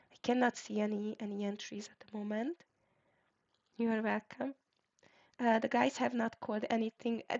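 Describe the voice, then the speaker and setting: Over dull, lo-fi stream sound, a woman with a Hungarian accent calls out stock tickers in brief bursts laced with fillers while hosting live market commentary. Her somewhat high voice carries vocal fry and a darkish tone.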